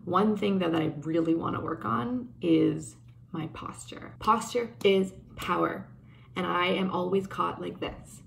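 Speaking unhurriedly in a lowish, gravelly voice, this young Canadian vlogger chats to her webcam from her bedroom. She is earnest and upbeat, gesturing while she thinks through her plans. The low-quality recording carries a little hiss or hum.

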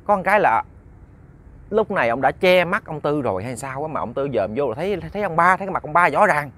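A man's voice: fairly high pitch, lively intonation, fast talker, fairly bright tone. A man retelling a ghost story in a casual, chatty way.

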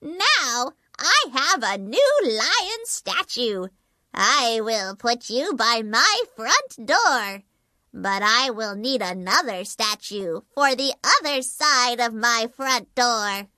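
A woman reading a storybook aloud and voicing a cruel wicked witch with slow, drawn-out menace. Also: on the high side, very animated, bright, forceful tone, no room sound, exaggerated voice. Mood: menacing.

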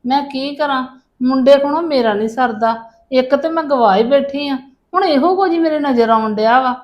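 A woman's voice: high-pitched, normal speed, highs cut off. A woman in a family drama, playing a mother-in-law who pleads and apologises to get her grandson back. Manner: pleading, self-pitying. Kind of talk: scripted village family drama.

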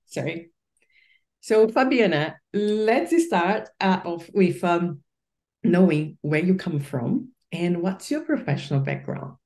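A woman's voice: lowish voice, lively intonation, slow pace, a little mellow. Woman hosting an interview. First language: Portuguese. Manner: friendly, asks questions with fillers. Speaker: podcast host.

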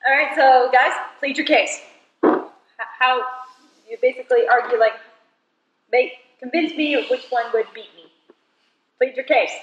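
A woman's voice: sits high, normal speed, pauses often, muffled recording. A young woman hosting a casual card game at home, giggly and rambling as she explains the rules. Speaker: host of a card game video. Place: home living room. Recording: echoey room, mic at a distance.

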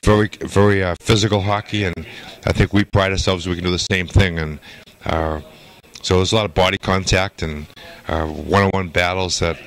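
An older man coaching hockey, answering post-game interview questions in a measured, halting way full of "uh" fillers, into a handheld mic at an arena backdrop. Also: deep voice, steady tone, poor audio. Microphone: handheld mic held by interviewer.

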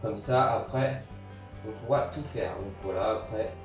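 On the low side in pitch, a relaxed young man talks while sewing for a do-it-yourself tutorial, tossing in interjections and "hop, voilà" between steps. It's recorded indoors against a grey wall in a sparse room, through a distant camera mic with echo and faint music.

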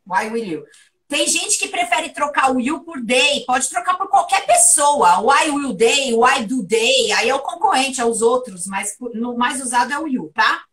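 A woman giving a private English lesson, lively and playful as she runs question drills. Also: high voice, measured pace, far from the mic. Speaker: English teacher.

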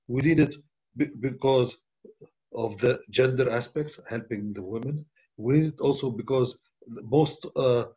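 An older man answering as a panelist on a webinar, halting with many uh fillers, over a laptop video call. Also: mid-range voice, darkish tone, husky. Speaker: panelist, development bank official. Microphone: laptop webcam video call. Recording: muffled video-call audio.

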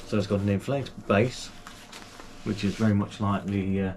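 In a small gaming room at home, a kayaking channel host from the United Kingdom chats enthusiastically through a casual unboxing. His voice sits a little low with a steady tone and normal speed, and he uses plenty of fillers and restarts. Background noise is clearly audible.

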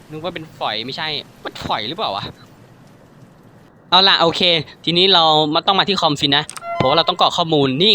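A man commenting casually on a horror game as he plays, excitable and jumpy, swearing freely. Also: a little high. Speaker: gaming YouTuber.

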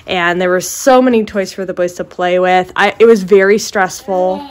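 Filming with a handheld camera in her living room, a young American woman who vlogs about being a mom of little kids talks casually to viewers. She speaks at normal speed in a lowish voice with fairly even intonation.

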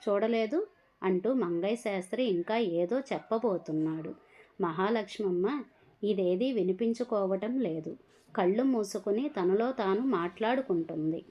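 A woman narrating a dramatic story in a measured, expressive way, heard on a dull lo-fi recording. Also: medium pitch.

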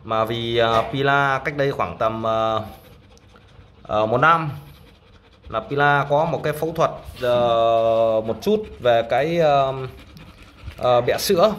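A man with a mid-pitched voice talks casually as a pet vlogger, addressing his dogs and his viewers. His manner is coaxing, with short commands mixed into the chat. The handheld home recording carries clear background noise. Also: slow pace, a bit bright. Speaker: dog owner and vlogger. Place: indoor tiled room at home. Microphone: handheld phone behind the camera.

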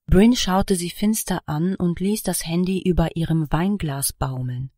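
A woman with a low, deep voice narrates a novel in a calm, even read. The sound is dry and close, with no room around it. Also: measured pace, no room sound. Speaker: audiobook narrator. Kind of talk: scripted narration.

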